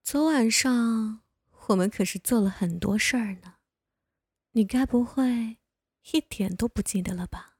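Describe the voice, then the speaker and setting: A woman's voice: a little high, a little slow, a little mellow, husky, no room sound, studio quality. A young woman voicing a bossy but caring older neighbor woman who scolds and coaxes the listener in a one-sided audio role-play. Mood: teasing. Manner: playful scolding, coaxing.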